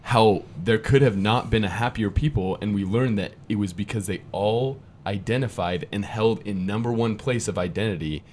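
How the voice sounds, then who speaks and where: Brief: young male co-host, low-pitched, casual and upbeat, a faint hiss behind him. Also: a little mellow. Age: 20s. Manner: casual and upbeat, quick asides, reads verses aloud. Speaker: podcast co-host. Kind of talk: podcast conversation with scripture reading.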